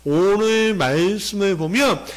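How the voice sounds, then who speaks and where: A man's voice: sits high, slow pace. A male pastor giving a sermon, explaining step by step and putting questions to the congregation.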